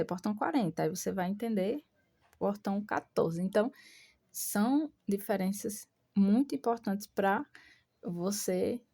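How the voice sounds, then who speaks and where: A Brazilian woman giving a casual online English lesson, explaining patiently and repeating English words slowly for learners. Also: mid-range voice, dark tone. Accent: Brazilian Portuguese. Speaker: English teacher.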